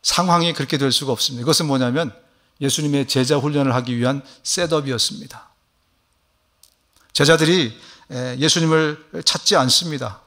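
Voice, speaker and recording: A man's voice: mid-range voice, pushed and bright. A man preaching a sermon as a church pastor, emphatic, often asking the congregation questions. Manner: emphatic preaching, voices Jesus' questions slowly; asks the congregation questions, affirming 'ye'. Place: church sanctuary.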